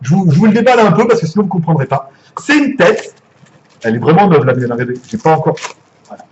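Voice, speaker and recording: A man's voice: on the high side, expressive, fast, a little mellow, lo-fi sound, slight background noise. A man with a French accent, chatty and jokey, unboxing gadgets live and swearing casually. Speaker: gadget reviewer.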